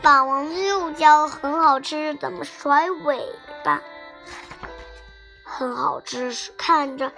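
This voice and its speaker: A woman reads a children's bedtime story with a high, bright voice and a slight gravelly edge. Her delivery is soft, slow and sing-song. Gentle music plays beneath her.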